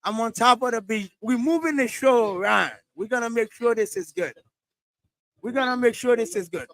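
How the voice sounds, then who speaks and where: This man's voice is very high-pitched and a bit bright, moving at a moderate pace. He's running a casual live stream from a beachside parking lot, giving shout-outs, repeating himself, and now and then switching to Spanish.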